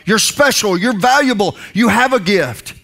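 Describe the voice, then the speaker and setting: A man in his forties preaching a sermon on a dark stage through a headset mic, swinging from hushed lines to loud emphatic calls. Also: sits high, animated, moderate pace, gravelly. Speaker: pastor. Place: large dark stage, indoors.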